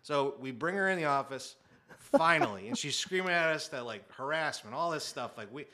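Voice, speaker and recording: Bright-voiced man telling a comic story. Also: fairly high pitch, moderate pace, gravelly. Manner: animated, acts out quotes, drops to muttered asides. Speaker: guest storyteller.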